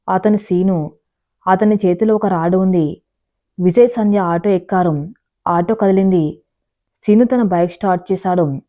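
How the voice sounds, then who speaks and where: A woman narrating a dramatic family story in a measured, even storytelling voice, reading the characters' lines too. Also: lowish voice.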